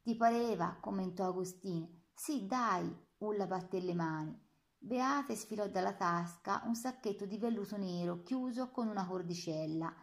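A woman narrates a literary novel in first person. Her delivery is calm and measured, steady through description and dialogue. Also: mid-range voice. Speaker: audiobook narrator.

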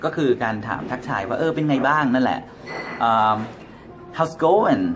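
A man's voice: mid-range voice, lively intonation, normal speed, a little hiss or hum. A man with a Thai accent, a native Thai speaker, giving a casual English lesson and acting out example greetings. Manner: switches between English and Thai, acts out example phrases. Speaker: English teacher.

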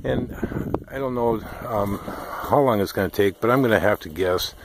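Heavy background noise surrounds this fairly low-pitched man as he casually guides viewers through a DIY project outdoors at his rural homestead. An off-grid vlogger, he talks slowly behind a handheld camera, explaining as he films with many ums.

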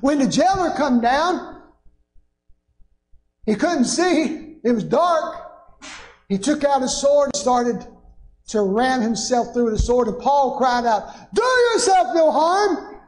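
A man's voice: very high voice, expressive, slow pace, long pauses. An older man, preaching a sermon from a church pulpit with rising, emphatic bursts. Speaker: pastor. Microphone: pulpit microphone. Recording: echoey church sanctuary.

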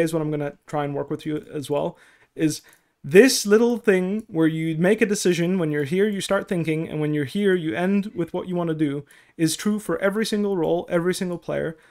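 This young man, whose first language is Dutch, chats casually on stream from his desk headset in a small room, responding to chat and coaching step by step with frequent okays. He talks a little fast in a slightly high voice with a darkish tone.

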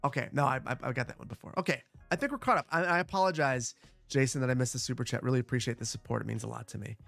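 A man with a boomy, bass-heavy sound on a close broadcast microphone, chatting casually and repeating short phrases as he hosts a gaming livestream. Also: rapid-fire, creaky, a bit bright, dry recording, faint music behind. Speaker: livestream host, gamer. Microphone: close broadcast dynamic microphone.

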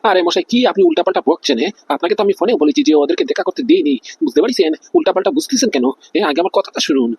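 A man's voice: high-pitched, sing-song, rapid-fire, creaky, few pauses, a little mellow, breathy edge, no echo, exaggerated voice. A man voicing a panicky, feverish male police officer who takes bribes, whining and flustered in a cartoon comedy. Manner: whiny, flustered, keeps asking "understand?".

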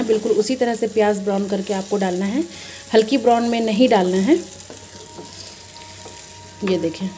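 A woman walks viewers through a recipe at her stove in a friendly, chatty way, calling them friend as she explains each step. Her voice is mellow and warm rather than bright. A faint sizzle of frying is heard under her words. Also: medium pitch, a little hiss or hum. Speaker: cooking channel host. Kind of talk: casual cooking demonstration. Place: home kitchen at the stove. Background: frying and sizzling from the pan.

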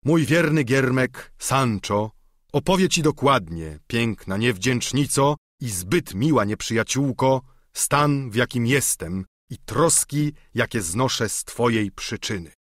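A man reading a storybook, voicing a solemn, lovesick old knight who speaks slowly and declaims. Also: mid-range voice, animated, no room sound, studio quality. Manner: slow, grave, declamatory. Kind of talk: audiobook character reading.

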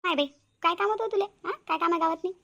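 A woman's voice: very high voice, racing, a bit bright, lo-fi sound. A woman voicing a bossy but neighbourly village woman in a cartoon. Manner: scolding yet neighbourly.

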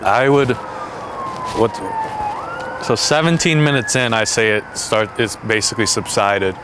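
A man's voice: mid-range voice, lively intonation, unhurried. A young man chatting casually and swearing as he complains about his mouth burning from spicy food, recorded outdoors. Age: young adult. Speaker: challenge vlogger. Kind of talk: casual banter with profanity. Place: outdoors on a backyard wooden deck. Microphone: camera a few steps away. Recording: noisy outdoor recording, some traffic ambience.

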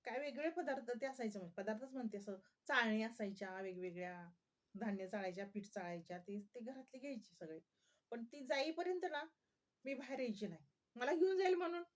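A woman's voice: a little high, brisk. A woman vlogger chatting casually to her viewers, often laughing and asking them questions.

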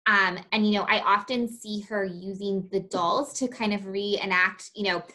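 A woman's voice: medium pitch, fairly even intonation, moderate pace. A woman hosting an interview, affirming her guest, with many ums and sort-ofs. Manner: warmly affirming, lots of "um" and "sort of". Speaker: host. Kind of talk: interview conversation.

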